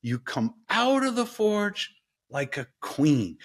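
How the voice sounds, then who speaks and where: A middle-aged man talking casually as an interview guest. His voice sits a little high and swings widely in pitch. He acts out the voices in his story with big jumps. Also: sing-song, slow pace. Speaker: guest, professor and ice bath company co-founder.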